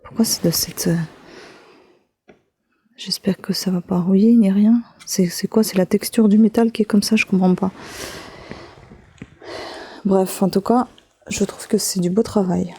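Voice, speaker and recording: A woman's voice: mid-range voice, steady tone, a little slow, long pauses, dark tone, slightly rough. A woman vlogging casually as she unboxes a gift, chatting to viewers with many fillers and restarts. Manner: talks straight to viewers while handling an object. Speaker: beauty vlogger.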